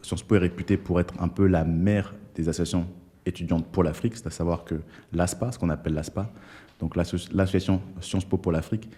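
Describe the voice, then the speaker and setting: A man's voice: sits low, fairly even intonation, a little fast, dark tone, breathy edge. A young man from Togo hosting an interview, speaking casually with frequent fillers and restarts. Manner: hesitant, many fillers and restarts. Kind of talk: conversational interview.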